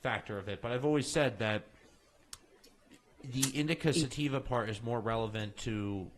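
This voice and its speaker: A man's voice: mid-range voice, normal speed, slight background noise. A man hosting a casual late-night talk show, joking and rambling loosely. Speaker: host. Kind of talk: casual chat.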